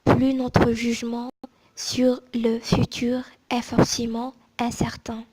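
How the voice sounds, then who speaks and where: A woman reads from a book in a soft, hushed ASMR whisper that is mostly unvoiced, as if in a library. Her voice sits a little high, and her delivery is completely flat, with careful phrasing and small pauses.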